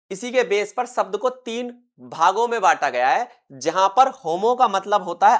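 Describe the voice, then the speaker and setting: A man teaching an exam-prep lecture, constantly asking the class questions, answering them himself, and repeating key terms for emphasis. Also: high-pitched. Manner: quizzes students constantly, answers his own questions.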